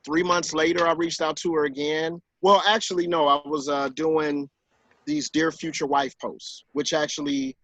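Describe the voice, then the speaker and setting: Man, 40s, talk-show guest author; slightly higher voice, dry recording, lively storytelling. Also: moderate pace, dry recording. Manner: animated storyteller who acts out quotes in higher voices. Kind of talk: casual conversation.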